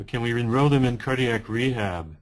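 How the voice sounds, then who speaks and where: A man's voice: medium pitch, fairly quick. A man dialing into a conference call whose connection keeps cutting out and breaking up, asking short, direct questions. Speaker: remote caller on a conference call. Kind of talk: casual meeting discussion.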